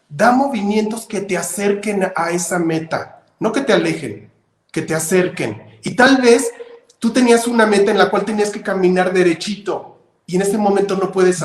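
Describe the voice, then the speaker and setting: A man with a Mexican accent speaking on an online panel. He gives calm, encouraging advice with everyday examples. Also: high-pitched, roomy sound. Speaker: panelist, designer and artist.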